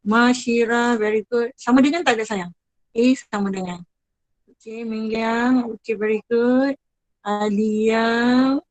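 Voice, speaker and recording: Woman teacher, Malaysian Malay accent, fairly high voice, dry close sound, chatty, praises students. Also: steady tone, takes it slowly, no room sound, poor audio. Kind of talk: online class with students.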